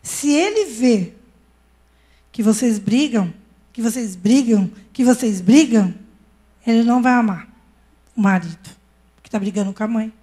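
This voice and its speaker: A middle-aged woman with a Brazilian Portuguese accent preaches to a women's service. Her voice sits high, and she talks in an easy, conversational way, telling stories from her own home. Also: a little slow, pauses often, warm tone, breathy edge. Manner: conversational, tells personal stories. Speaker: pastor's wife preaching. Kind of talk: sermon at a women's church service.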